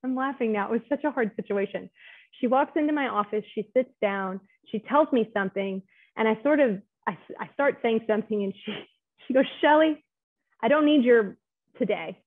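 A woman's voice: fairly high pitch, fairly quick, no echo. A woman clinical social worker giving a conversational webinar talk, often checking in with "right?". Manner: chatty, keeps asking "right?" to check in with listeners. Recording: tinny phone-like audio.

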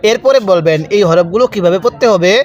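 A man teaching Quranic reading, spelling out words letter by letter, then drawing each out slowly and asking learners to repeat after him. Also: high voice, lo-fi sound. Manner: slow drawn-out recitation of words, quick explanations.

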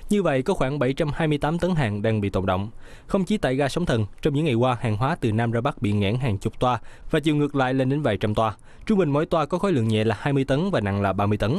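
Quick guy reading news voice-over, brisk, dry sound. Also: mid-range voice, expressive, a little mellow, no echo. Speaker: field reporter voice-over.

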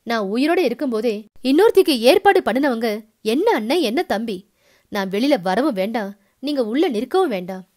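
A woman reads a middle-aged wife in a storybook, sharp and resentful toward the brothers who betrayed her. The voice is high and cutting. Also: lively intonation, brisk, lightly acted.

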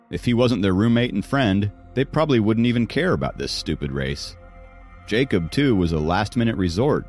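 A man reading a novel aloud as audiobook narrator, in steady scripted narration. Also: low-pitched.

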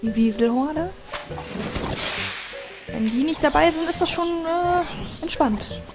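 Woman, high voice, casual gaming commentary, chatty, thinking aloud, game music behind her. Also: slow pace. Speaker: let's play host. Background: video game music and effects.

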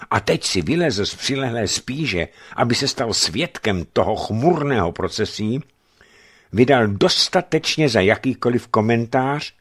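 A man narrating a novel in an expressive literary reading for radio. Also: lowish voice. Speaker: radio reader. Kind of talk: scripted audiobook narration.

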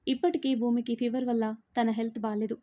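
A woman's voice: a little high, steady tone, a little fast, warm tone. A woman storyteller giving scripted, dramatic story narration.

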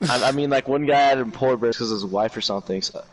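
A laid-back young man talking casually with a friend as they play a game together. He explains how things work in an easy, unhurried way and sometimes trips over his words as he goes. His pitch sits in an ordinary middle range. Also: low-quality recording. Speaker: friend playing along. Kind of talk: casual gaming chat.

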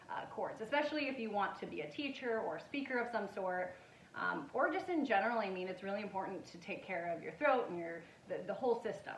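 A woman teaching public speaking in a relaxed, conversational lecture, with frequent fillers and acted-out examples. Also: medium pitch. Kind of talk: informal lecture. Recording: echoey room from far off with faint noise.

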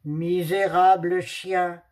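A woman's voice: medium pitch, extremely slow, darkish tone. A woman voicing a menacing female panther spirit in a storybook reading, furious and later trembling. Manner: growling fury turning to trembling pleas.

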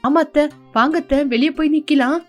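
A woman voicing a young daughter-in-law in an animated story, soothing her in-law and firm with neighbours. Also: sits high, fairly quick, soft background music, lightly acted.

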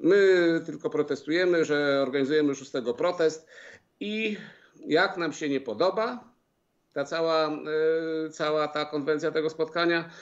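Middle-aged male farm unionist, video-call guest, halting delivery, muffled line. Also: a little high. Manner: halting, many filler sounds and restarts. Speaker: farmers' union representative. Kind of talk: remote interview, recounting events. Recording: slightly dull video-call audio.

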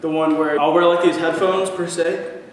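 A man's voice: a little high, steady tone, normal speed. A young man co-hosting a casual vlog, talking in a laid-back, slangy way. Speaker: vlog co-host. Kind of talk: casual chat. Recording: echoey room, distant mic, faint noise.

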